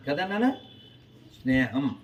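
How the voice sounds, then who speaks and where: A man telling a lively moral story to schoolchildren in an animated, coaxing way, quizzing them as he goes. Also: mid-range voice, takes it slowly. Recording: distant, dull with faint noise.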